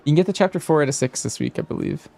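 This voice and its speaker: A man's voice: on the high side, big pitch swings, very fast, creaky, mellow, faint music behind. A man casually chatting with viewers and answering questions as he streams a game. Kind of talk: casual chat with stream viewers while gaming.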